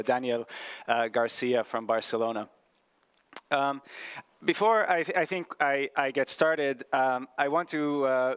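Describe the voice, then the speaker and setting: Halting man giving a conference talk. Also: medium pitch, fairly bright tone, smooth, no room sound. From Palestine. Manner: halting, many fillers and restarts. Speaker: pediatrician presenting at a medical conference. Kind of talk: conference presentation.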